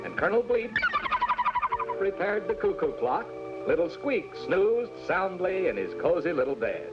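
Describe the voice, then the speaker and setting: A man's voice: sits high, big pitch swings, a little slow. A man playing an earnest, dramatic storyteller, narrating a children's adventure in vintage 1950s cartoon style. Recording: dull vintage cartoon soundtrack with music.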